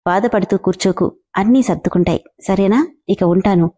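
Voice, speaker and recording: A woman's voice: medium pitch, moderate pace, mellow, breathy edge, close to an everyday voice. A woman voicing a caring middle-aged mother who coaxes and reassures her daughter. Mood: coaxing.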